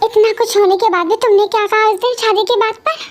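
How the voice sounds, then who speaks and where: An angry, sharp-tongued young bride scolds her new husband in an amateur romantic audio drama, as a woman plays her. Her voice is extremely high. She fires back short retorts. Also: fairly even intonation, fast talker.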